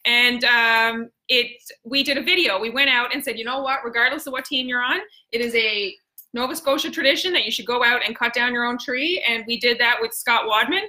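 A woman's voice: on the high side, steady tone, fairly quick, pushed and bright, rough recording. A woman with a Newfoundland accent hosting a casual live stream, chatty and exclamatory, with plenty of slang. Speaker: host.

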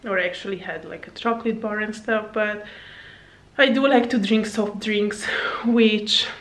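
Her voice is mid-range, steady and slightly bright, with a measured pace. She's a Hungarian-accented woman in her thirties from Slovakia, Hungarian by native tongue, working as a fitness coach and chatting at home in her living room to a camera on the table about an arm's length away, full of fillers and little laughs.

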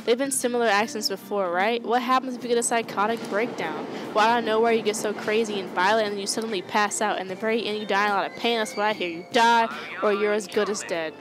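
A woman streamer plays through a game, reading dialogue aloud in a casual, offhand way and dropping the odd curse. Game music plays clearly behind her. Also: mid-range voice, fairly even intonation, fast, hardly any pauses, poor audio. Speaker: gaming streamer. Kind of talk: let's-play commentary, reading game text aloud.

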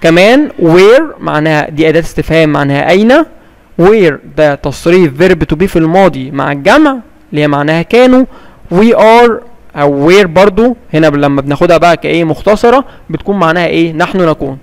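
A man with an Egyptian Arabic accent explaining English grammar like a classroom teacher. He asks questions and answers them himself, and he reads the English examples slowly and carefully. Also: on the high side, expressive, clean tone, long reverb tail.

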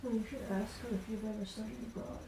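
High-voiced woman talking in her sleep. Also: fairly even intonation, quick pace, mellow, low-quality recording.

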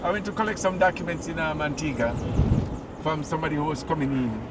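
A man's voice: on the high side, fast talker. A man with a Kittitian accent telling stories casually in a moving car, repeating himself and acting out dialogue. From St. Kitts. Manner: repetitive storytelling, acting out dialogue. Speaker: tour driver. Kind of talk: animated casual storytelling in a car. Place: inside a moving vehicle. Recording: very noisy moving car, distant mic.

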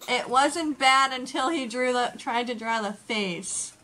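A woman's voice: high-pitched, unhurried, bright, forceful tone, rough recording. A woman in her twenties chatting casually as co-host of a home challenge video, recorded by a camera across a table. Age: 20s. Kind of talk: casual chat. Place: small home room, indoors.

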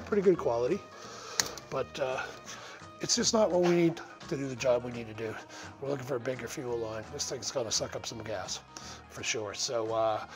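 A middle-aged man hosting a casual shop vlog from a large car restoration garage, talking loosely with lots of fillers into a close action camera. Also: medium pitch. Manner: rambling, many "uh" fillers, easygoing. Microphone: action camera held or mounted close.

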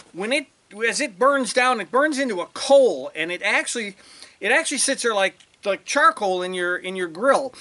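A man's voice: extremely high pitch, pushed and bright. An older man talking casually and folksily while working outdoors on a ranch, a bit out of breath, with roosters crowing behind. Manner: rambling, folksy, restarts often. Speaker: vlogger.

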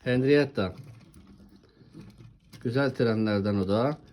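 A woman with a bass, darkish voice hosts a casual showcase of toy trains alongside a child. She takes it slowly, chatting encouragingly and often asking questions.

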